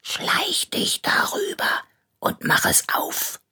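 A woman's voice: rumbling low, lively intonation, slow pace, a bit bright, breathy edge, full character voice. A woman reading aloud, voicing a cocky young boy who plays sheriff and often speaks in a conspiratorial whisper.

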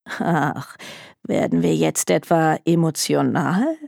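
A woman's voice: low voice, takes it slowly, gravelly, a little mellow, dry recording, clean studio sound, full character voice. A woman voicing an arrogant, bored young male detective who talks in a scornful, dismissive drawl. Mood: smug.

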